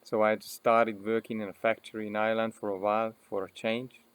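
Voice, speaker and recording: A Hungarian personal development coach with a Hungarian accent tells his own story earnestly and unhurriedly, pausing often and using fillers. His fairly low voice is a bit bright and smooth, with a flat delivery and no echo.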